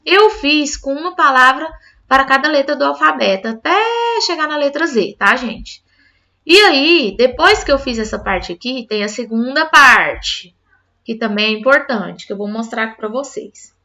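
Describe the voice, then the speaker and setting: Woman teacher walking other teachers through a lesson activity, high bright voice, keeps checking in w/ them. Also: animated, normal speed. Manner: explanatory, addresses listeners as "gente" with frequent "tá?". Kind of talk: explaining a literacy activity to teachers.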